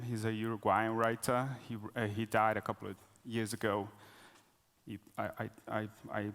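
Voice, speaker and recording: A man speaks at a conference with a mid-range voice, and his words ring out in a hall with a long reverb tail. He is openly nervous, hesitant and full of fillers and restarts as he talks to the audience. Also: mid-range voice. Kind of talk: live conference talk.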